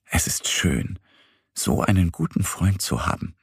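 Deep-voiced gentle male story narrator. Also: husky, no room sound, clean studio sound. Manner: slow, gentle, expressive storytelling. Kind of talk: children's bedtime story narration.

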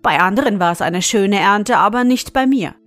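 A woman voicing a grumpy, stingy male hamster farmer in a storybook reading, speaking gruffly, loudly and with constant complaints. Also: medium pitch, moderate pace, dry recording, faint music behind, natural voice. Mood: grumbling.

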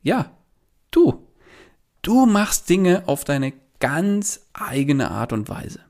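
This solo podcast host has a fairly high, very animated but slightly mellow voice, and he takes his time. He talks through a client story and gives listeners direct advice, keeping it chatty and full of fillers.

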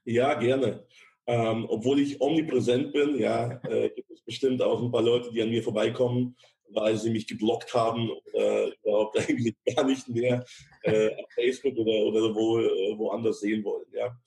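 A man's voice: medium pitch, little pitch movement, moderate pace, creaky, mellow. A man in his thirties from Ukraine, talking as a podcast guest in a chatty way, full of fillers and a habit of ending phrases with "ja". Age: 30s. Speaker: podcast guest, insurance broker. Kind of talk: casual interview talk.

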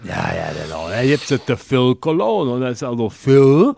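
Male podcast co-host, deadpan absurd humor, animated pitch, dry close sound. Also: normal speed, creaky, no echo. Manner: deadpan absurd joking, rambling. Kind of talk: casual comedic banter.

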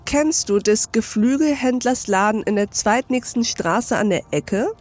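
A woman voicing a gleefully reformed elderly male miser with an excited, chuckling delivery in an audiobook reading. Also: a little high, unhurried, faint music behind.

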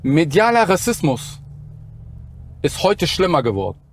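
A middle-aged man talks with a lively, rising and falling voice that sits a little high for a man. He is emphatic and slangy. He sounds candid, like a guest in an interview. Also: a little slow, a little hiss or hum. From Germany. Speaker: TV presenter as guest.

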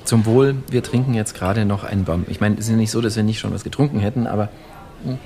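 A man's voice: lowish voice, fast, warm tone. A male interview host in a casual bar conversation who listens closely and murmurs frequent affirmations.

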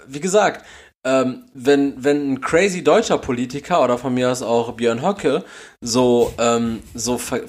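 A German man co-hosting a podcast, rambling through casual chat with many fillers and restarts. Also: medium pitch. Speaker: podcast co-host.

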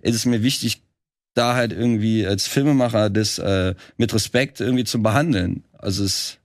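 A man's voice: lowish voice, moderate pace, no echo, clean studio sound. A man from Germany, a filmmaker guest, talking in a casual podcast conversation with many restarts and fillers.

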